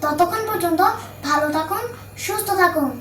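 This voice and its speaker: A woman who hosts her channel, teaching a slow, careful grammar lesson and listing examples one word at a time. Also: very high-pitched, slight background noise. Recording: echoey room, mic at a distance.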